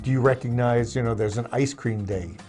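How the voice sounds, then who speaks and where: A man's voice: mid-range voice, a little fast, a little mellow, faint music behind. A man co-hosting a talk show in casual chat, teasing his partner with playful banter. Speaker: co-host.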